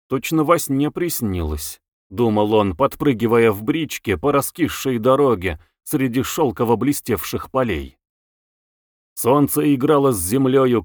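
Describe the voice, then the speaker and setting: A man narrating a classic novel in a measured, expressive audiobook reading. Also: mid-range voice, no room sound, clean studio sound.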